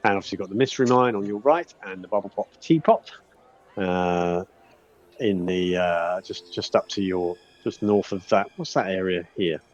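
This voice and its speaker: A man narrating a tabletop game as game master in a casual, rambling, halting way. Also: deep voice. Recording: dull, lo-fi sound.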